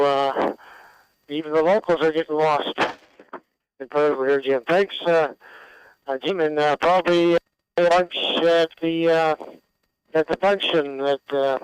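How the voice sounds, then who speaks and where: Halting man on ham radio. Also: a little high, clear, resonant tone, no echo, rough recording. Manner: halting, meandering. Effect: two-way radio. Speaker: amateur radio operator checking in. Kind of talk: casual ham radio chat.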